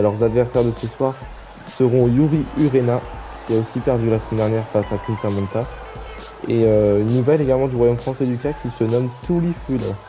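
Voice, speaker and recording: A man commentating a wrestling game casually, rambling and joking with many fillers. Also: medium pitch.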